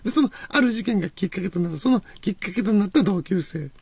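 Very husky, gravelly Kansai woman. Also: mid-range voice, lively intonation, fast, darkish tone, no echo. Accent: Kansai Japanese. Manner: laughs often between phrases, trailing reminiscing. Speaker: channel host. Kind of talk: rambling personal storytelling.

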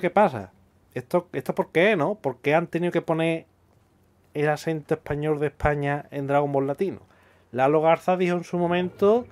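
A man hosting a casual commentary video, talking emphatically and throwing out rhetorical questions. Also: a little high. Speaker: youtuber host.

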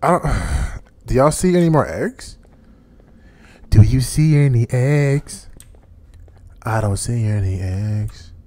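A man's voice: mid-range voice, animated, slow, pauses often, darkish tone. A man hosting a live gameplay stream, chatting casually and rambling to his viewers while he plays. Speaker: streamer host.

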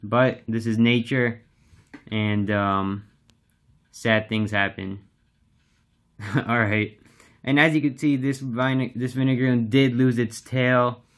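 A young man casually narrating as he feeds his exotic pets, relaxed and chatty with lots of fillers. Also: mid-range voice, slow, pauses often. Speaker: pet keeper and channel host.

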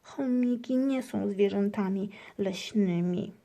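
A woman's voice: medium pitch, takes it slowly, warm tone. A woman voicing a small, timid, grumbling pet hamster in a children's storybook. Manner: fearful, grumbling.

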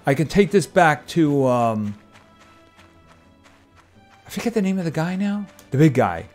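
A man's voice: on the high side, sing-song, a little slow, a little mellow. A man streaming a farming game, chatting casually and making wry asides. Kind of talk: casual gameplay commentary. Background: game music.

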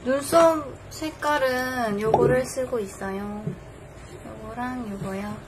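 A woman's voice: on the high side, slow, heavy background noise. A young woman in her twenties with a Busan accent, chatting casually as a beauty vlogger in her bedroom, laughing often. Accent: Busan Korean. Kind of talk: casual makeup chat. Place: bedroom, indoors.

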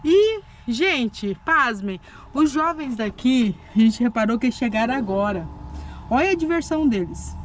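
High-pitched Brazilian woman with a speech impediment. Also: expressive, moderate pace. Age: middle-aged. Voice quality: speech impediment, tongue-tied on some words. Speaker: travel vlog host. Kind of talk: casual chat to viewers. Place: outdoors by a road and inside a moving camper van. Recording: loud road, wind and vehicle noise.

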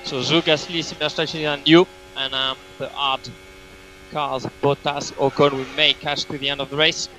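Bright-voiced male race engineer on car radio. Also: fairly high pitch, level tone, moderate pace, a little hiss or hum, low-quality recording. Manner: terse, repetitive, clipped instructions. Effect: team radio transmission.

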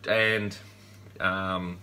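A man's voice: low-pitched, flat delivery, drawn-out words, sharp tone, a little hiss or hum. A man, hosting a casual unboxing chat, upbeat and rambling with laid-back slang. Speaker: collectibles channel host. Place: indoor room lined with collectible shelves.

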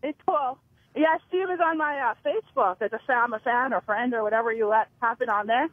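Radio caller: woman on a phone line, high voice, tinny, rambling chat. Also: a little fast, breathy edge, no room sound. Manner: rambling, self-correcting. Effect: phone line, speakerphone then cell phone. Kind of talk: casual call-in chat.

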